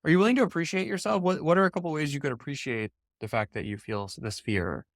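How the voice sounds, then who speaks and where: A man's voice: on the high side, quick pace, no echo, clean studio sound. A middle-aged man coaching a podcast co-host, asking probing questions with many fillers and restarts. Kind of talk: coaching conversation.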